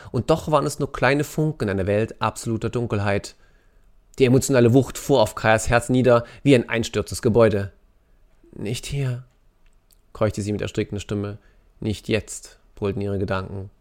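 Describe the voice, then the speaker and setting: A man reading a novel excerpt aloud in an intense, expressive storytelling manner. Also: mid-range voice. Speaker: narrator. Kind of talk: dramatic audiobook reading.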